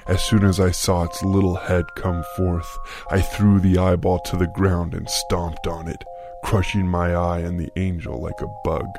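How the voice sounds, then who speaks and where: A man with a very low voice narrates a first-person horror story at a measured, somber pace. A faint music bed runs underneath his reading. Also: flat delivery, vocal fry.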